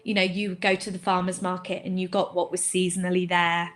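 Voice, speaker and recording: A woman raised abroad, now a shop owner, talking casually in a webinar interview with many pauses and fillers. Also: on the low side, level tone, fairly bright tone. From England, raised in Greece. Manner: hesitant, many fillers, laughs easily.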